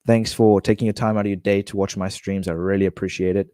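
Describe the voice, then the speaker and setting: Speaking fast in a deep, mellow voice with flat delivery, a gaming streamer talks through a football manager game with a blocked nose. He rambles casually with many restarts and fillers, recorded at studio quality without echo.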